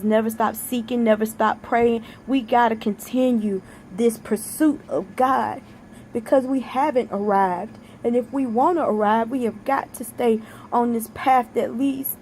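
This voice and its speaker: A woman's voice: fairly high pitch, darkish tone, slight background noise. Earnest woman preaching from her porch. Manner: earnest, preachy, repeats for emphasis. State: close to tears. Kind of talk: informal devotional exhortation. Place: sun porch outdoors. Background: thunder outside.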